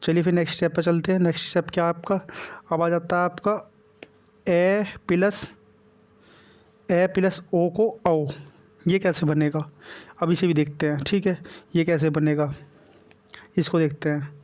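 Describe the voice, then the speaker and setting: A man's voice: fairly high pitch, level tone, a little fast. A man with a Hindi accent teaching a grammar lesson for exam preparation, repeating each step and checking in with the class. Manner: repetitive, checks in with "ठीक है" constantly. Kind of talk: whiteboard exam-prep lesson.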